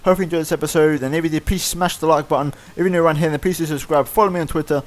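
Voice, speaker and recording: Fast-talking man calling a racing game. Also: on the high side. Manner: fast excited play-by-play, winding down later. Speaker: gaming YouTuber. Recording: loud racing game engine noise behind.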